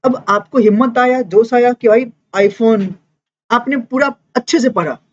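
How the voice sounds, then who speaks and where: A woman teacher giving a lively classroom lecture, mixing Hindi and English and checking in with students constantly. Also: a little high, measured pace. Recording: dull lo-fi classroom recording.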